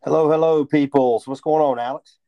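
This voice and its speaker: A man co-hosting a podcast in casual chat, easygoing and quick to laugh, rambling through his thoughts. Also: on the high side, fairly even intonation, dry recording, lo-fi sound. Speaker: podcast co-host.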